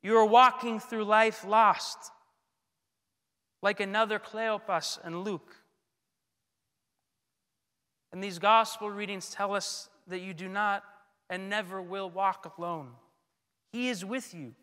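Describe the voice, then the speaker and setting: Standing at the pulpit of a large church, a priest in his thirties speaks into a gooseneck microphone with a bright, high, smooth voice and fairly even intonation. His scripted sermon comes slowly and solemnly, full of pauses, and the space adds long reverb.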